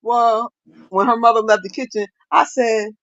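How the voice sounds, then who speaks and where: A woman chatting casually among friends, telling animated stories and acting out quoted dialogue. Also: a little high, normal speed, no echo, dull audio. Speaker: friend in group chat. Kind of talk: casual storytelling chat.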